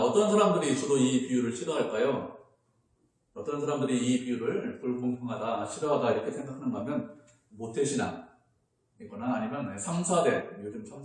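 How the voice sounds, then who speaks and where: A man's voice: medium pitch, a little mellow. A man preaching a sermon as a pastor in a conversational way, now and then acting out people's complaints. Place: church sanctuary. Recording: very echoey church hall.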